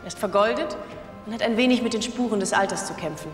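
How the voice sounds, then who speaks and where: An actress playing a poised, friendly young auctioneer in a film drama, addressing the room formally and calling out bids. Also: female voice, mid-range voice, fast, lightly acted. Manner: clear, formal public address, repeating bids. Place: large auction room, at a podium. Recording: echoey hall, faint music behind.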